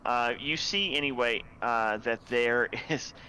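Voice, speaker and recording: A young man narrating as dungeon master, laid-back and halting, with lots of fillers and chuckles. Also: medium pitch, bright, forceful tone, a little hiss or hum, poor audio. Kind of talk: narrating a tabletop game.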